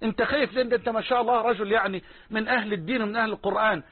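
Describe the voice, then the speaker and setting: Egyptian preacher, man, high husky voice, repeats for emphasis, tinny phone-like recording. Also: steady tone, rapid-fire. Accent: Egyptian Arabic. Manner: impassioned, repeats phrases for emphasis, swears oaths. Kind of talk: sermon.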